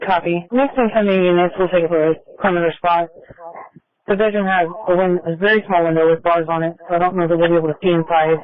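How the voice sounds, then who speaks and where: A police officer at a scene gives clipped tactical updates over a two-way scanner radio, businesslike and using short call signs. The voice is medium-pitched, steady and fast, with phone-like sound quality.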